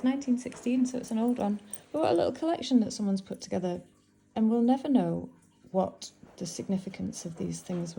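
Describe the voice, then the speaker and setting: Middle-aged northern English woman sorting antiques on camera, chatty and fond of her finds, warm gravelly delivery. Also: medium pitch, a little hiss or hum, rough recording. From England. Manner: chatty, musing aloud, fond of the items. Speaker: antiques seller. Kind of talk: casual narration while sorting antiques.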